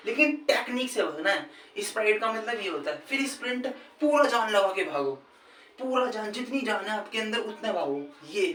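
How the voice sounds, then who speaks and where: A high-pitched man with a fairly bright tone chats informally through cricket fitness advice in a laid-back vlog, repeatedly calling the listener "brother" and asking "okay". The audio is distant and echoey, with a faint TV match and ambient noise behind him.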